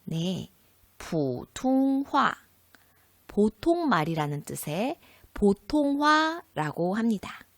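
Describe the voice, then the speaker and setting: Woman teacher explaining a lesson slowly to students, close dry mic, no room echo. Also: mid-range voice, sing-song. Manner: slow, clear classroom explaining with questions to students. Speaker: high school Chinese teacher. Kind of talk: recorded textbook lesson.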